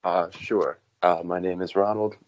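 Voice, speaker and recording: A man's voice: sits low, steady tone, unhurried, lo-fi sound, slight background noise. A man testifying at a hearing over a remote call, hesitant with many ums, his audio choppy and breaking up. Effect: choppy audio, breaking up over the call line. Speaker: member of the public testifying at a hearing.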